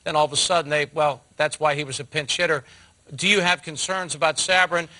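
A man in his fifties hosting post-game sports talk in a TV studio, putting measured questions to his analyst. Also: fairly high pitch, steady tone, bright, forceful tone, rough recording. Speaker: studio host. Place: TV studio set.

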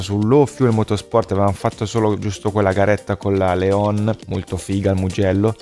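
A man with a fairly low, hoarse, worn voice commentates a sim race for his viewers. He keeps it chatty and casual. Soft music plays faintly underneath. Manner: chatty, addresses viewers as guys. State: hoarse, worn voice after flu. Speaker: sim racing streamer.

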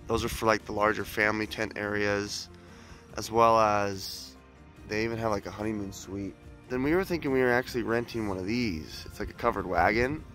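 A man's voice: fairly low pitch, brisk, fairly bright tone, faint music behind. Groggy man vlogging a campground tour. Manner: chatty and upbeat, with loose fillers. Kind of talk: casual vlog walkthrough. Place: campground, outdoors and inside a tent.

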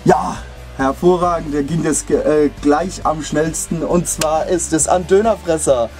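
A man's voice: a little high, steady tone, unhurried, a little mellow, soft background music. A man in his thirties making a casual giveaway announcement as a channel host, chatting informally and directly to his viewers in a room at home.

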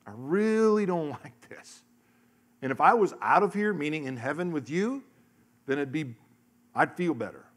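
A middle-aged man, a pastor, preaching a sermon into a handheld microphone on a large church stage, telling stories and acting out voices, dropping to a hush and then rising loud. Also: fairly high pitch, expressive, moderate pace. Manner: storytelling, acts out voices, shifts from hushed to loud. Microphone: handheld mic.

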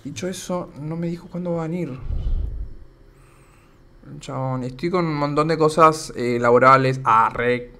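A man's voice: on the high side, normal speed, long pauses, sharp tone. Young man, argentine accent, casual live stream chatter, rambling, slightly worn-out voice. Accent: Argentine Spanish. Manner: chatty, rambling, reads chat aloud. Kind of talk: casual live stream chat reading comments.

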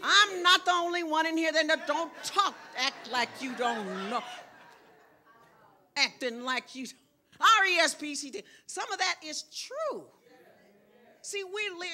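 An older woman preaching as a guest in church, lively with loud bursts of exclamation. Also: high-pitched, slow. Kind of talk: sermon. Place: church sanctuary.

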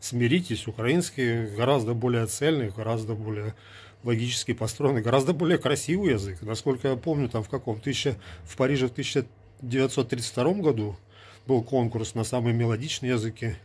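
A Ukrainian vlogger in his forties speaks briskly in a darkish, mid-range voice with a breathy edge. Talking casually into his phone camera at arm's length in a small room, via an earbud mic, he argues in a sarcastic, lecturing style.

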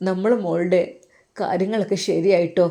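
A woman voicing a loving elderly father in his sixties or older, soft and tearful. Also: lowish voice, steady tone, normal speed, creaky, voice pushed down.

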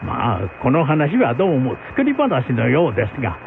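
Playing a well-informed, respectful samurai retainer in a folk tale drama, a man explains things in formal, archaic speech, his mood deferential. His mid-range, creaky voice swoops wildly in pitch at a moderate pace. The recording has a phone-like band and faint noise.

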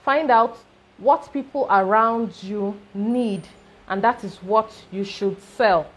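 A woman's voice: medium pitch, takes it slowly, breathy edge, rough recording. A woman with a Nigerian accent, coaching on business growth in an emphatic talk with rising checks like "okay?". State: briefly choking.

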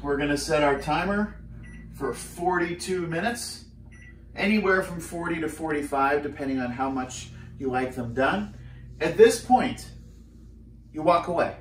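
A man in his thirties, fairly high-pitched and unhurried, gives a casual, joking, energetic fitness cooking demonstration in a small home kitchen. Recorded from a few steps away on a camera mic, he sounds distant and slightly off-mic in the echoey room, with a little hiss or hum.

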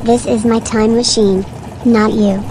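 A squeaky, boastful little country ball. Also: male voice, little pitch movement, measured pace, a little mellow, slight background noise. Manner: high squeaky put-on voice.

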